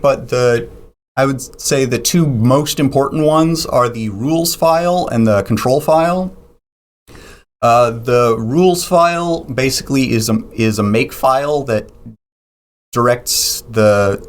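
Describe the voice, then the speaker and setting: A man's voice: medium pitch, measured pace. A man being interviewed on a podcast, explaining technical details at length with frequent ums and restarts. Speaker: podcast guest.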